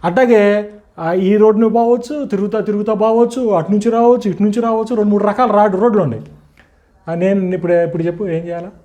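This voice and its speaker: A man with a notably high voice leads an interactive teaching session. He keeps checking his listeners with rhetorical questions. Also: fairly even intonation, fast talker, warm tone. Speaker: teacher addressing a group.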